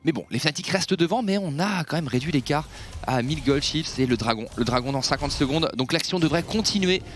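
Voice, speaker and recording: Fast-talking male esports caster. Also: fairly high pitch, lively intonation, faint music behind. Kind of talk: analytical esports commentary and replay breakdown.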